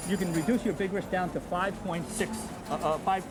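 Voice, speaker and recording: In this instructional video, a man with a high-pitched, fairly even voice teaches craps odds a little quickly, patiently drilling the numbers and asking "okay?" The low-quality sound comes from a worn VHS tape copy, with music underneath.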